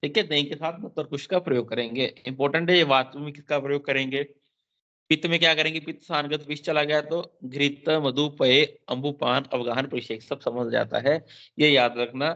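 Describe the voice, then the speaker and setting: Bright-voiced man teaching exam verses. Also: on the high side, fairly even intonation, fairly quick. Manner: explains Sanskrit verses line by line, repeats key terms; mixes in English terms, frequent "theek hai" check-ins. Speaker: Ayurveda teacher. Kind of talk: exam-focused lecture. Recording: dull lo-fi sound.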